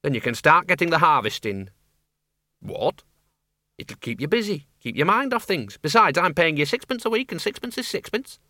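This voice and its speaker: A man voicing a sharp-tongued, thrifty old farm woman who talks bluntly and emphatically. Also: on the high side, big pitch swings, normal speed, no echo, clean studio sound, pitched above the performer's own voice. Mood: bossy. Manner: tart, emphatic, rustic.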